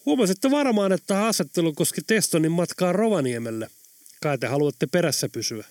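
A man's voice: on the high side, animated, darkish tone, no room sound, clean studio sound, voice pushed up, lightly acted. A man doing a wry, teasing man. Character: adult man, teasing and grinning.

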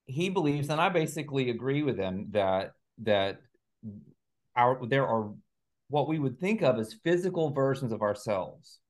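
As a guest author and researcher on a video call interview, a man lays out his ideas step by step in a methodical way. His mid-range voice is animated and moves at a normal speed.

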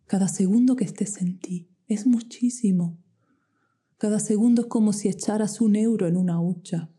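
A woman guiding a meditation in a soft, slow voice that often drops to a whisper. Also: medium pitch, breathy edge. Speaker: meditation guide. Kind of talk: guided meditation. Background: soft music with singing bowls.

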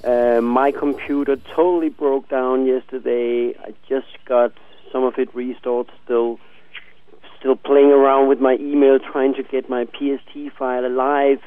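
A man's voice: medium pitch, flat delivery, a little slow. A man of forty co-hosting a casual chat, hesitant, repeating words and laughing often. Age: 40s. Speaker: podcast co-host. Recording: tinny phone-like line.

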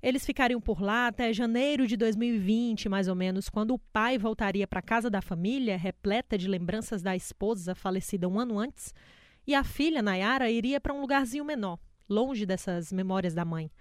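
A woman narrating a news report in a measured, solemn way. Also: mid-range voice, no room sound, clean studio sound.

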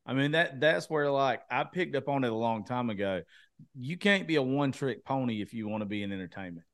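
A man's voice: mid-range voice, animated, a little fast, no room sound, clean studio sound. A man in his thirties with a Southern American accent, chatting casually in a crude, blunt, profane way. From Eastman, Georgia, USA. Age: 30s. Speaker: podcast co-host, radio personality. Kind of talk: casual chat.

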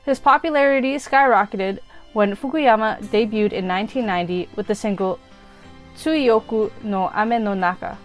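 A woman's voice: medium pitch, normal speed. A woman presenting a scripted top ten music countdown as the show's host. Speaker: podcast host.

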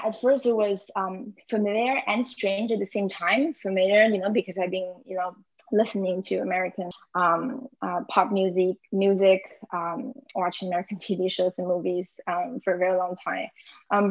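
A woman's voice: medium pitch, flat delivery, moderate pace, dry recording. Young woman from south china, podcast guest, lots of ums, dry muffled sound. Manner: hesitant, many fillers, frequent laughs. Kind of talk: casual conversation.

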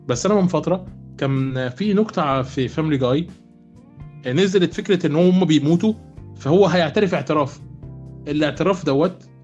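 Rapid-fire Egyptian man, teasing. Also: on the high side, a little mellow, lo-fi sound. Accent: Egyptian Arabic. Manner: teasing, jokey. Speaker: podcast co-host. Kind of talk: casual discussion.

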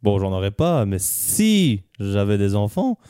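An easygoing male host leads improvised radio comedy, hesitating often between thoughts. His voice is mellow and smooth. The recording is dry and close. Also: lowish voice, sing-song, measured pace, no echo.

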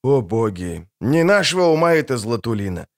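A man reading an audiobook, voicing a middle-aged merchant who talks in a loud, boisterous way. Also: medium pitch, sing-song, moderate pace. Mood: subdued. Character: hearty boastful middle-aged male merchant.

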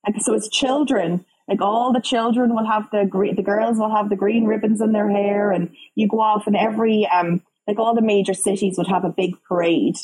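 A woman with a Dublin Irish accent chats as a guest on a show, telling stories in a lively way. Her voice has a slightly husky edge at a middle pitch. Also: normal speed, few pauses, low-quality recording. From Ireland. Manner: chatty, lively storyteller. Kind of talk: casual interview chat.

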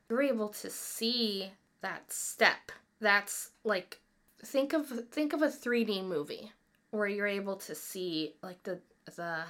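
A woman's voice: medium pitch, bright, forceful tone. A woman in her twenties co-hosting a podcast, chatting casually and rambling, often correcting herself mid-sentence. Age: 20s. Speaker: podcast co-host. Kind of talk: casual personal chat.

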